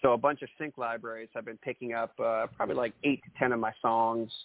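A man from Maine, a singer-songwriter and producer, answering interview questions in a friendly, relaxed way. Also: mid-range voice, fast talker, gravelly, no echo. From Maine, USA. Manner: friendly, laughing easily, relaxed. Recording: dry, tinny phone-like line.

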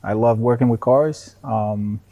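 A man from Brazil chatting casually as an interview guest, in a hesitant, halting way. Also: mid-range voice, vocal fry, dull audio. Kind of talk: casual chat.

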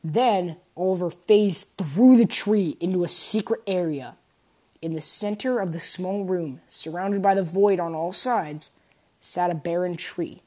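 A woman narrating a fan fiction adventure aloud in an expressive storytelling manner. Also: lowish voice, a little slow. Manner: expressive storytelling, voicing characters.

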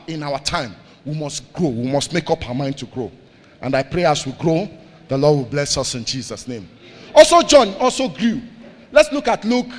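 High-voiced man preaching in a reverberant hall. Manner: call-and-response preaching, repeats lines, swings between loud and soft. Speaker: pastor. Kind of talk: sermon.

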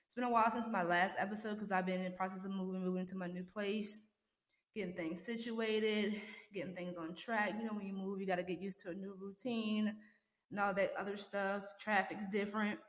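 In a bare, echoing room at home, this woman runs a casual podcast meant to motivate, addressing her audience with warm encouragement. She speaks fairly quickly in a mid-range voice with a level tone.

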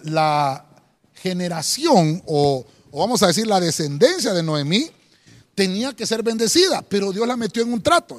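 High-pitched animated man preaching. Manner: preaching with rising emphasis, repeated "hermano". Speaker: pastor. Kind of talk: sermon.

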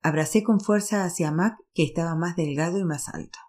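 A woman's voice: on the low side, brisk, darkish tone. A woman narrating a novel in the first person, reading steadily.

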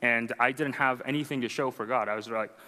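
The recording is rough and echoes through a large hall as a young man, Arabic being his first language, shares his conversion testimony. His medium-pitched voice stays steady yet pushed and bright, a little fast, and his casual, self-deprecating delivery is full of "right?" asides.

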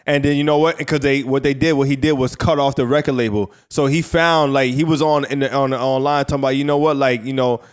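A man's voice: medium pitch, fairly even intonation, quick pace, hardly any pauses, clear, resonant tone. Rambling man telling stories on a podcast. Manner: rambling storyteller, many fillers and restarts. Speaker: podcast co-host. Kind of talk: casual podcast chat.

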